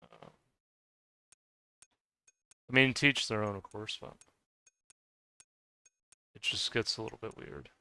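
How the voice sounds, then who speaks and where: Slow and on the low side, pausing often, his voice is bright, forceful, clear, and resonant, with no room sound. He's a young gaming video creator with a slight Scottish-tinged accent, rambling casually and hesitantly over gameplay and frequently restarting or trailing off.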